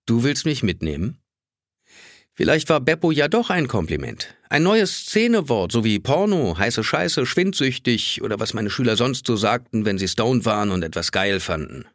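A man reads an audiobook in a wry, first-person storytelling voice at a middle pitch. His delivery is lively, with wide swings in pitch. The sound is dry and close. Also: moderate pace, hardly any pauses, no echo. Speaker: audiobook narrator. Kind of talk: scripted narration.

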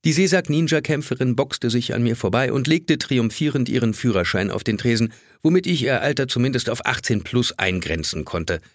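A man narrating an audiobook in the first person, with a wry, expressive storytelling manner. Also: medium pitch, brisk, few pauses, dry recording, clean studio sound. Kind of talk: scripted narration.

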